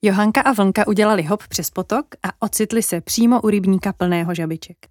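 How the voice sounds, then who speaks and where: A woman reading a children's bedtime story aloud, calm and clear. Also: medium pitch, dry recording, clean studio sound. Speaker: narrator.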